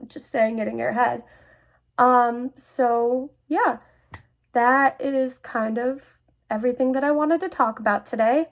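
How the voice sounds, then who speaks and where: Addressing viewers directly, a twenty-something vlog host speaks casually and personally in a reassuring, conversational tone. Her voice is on the high side.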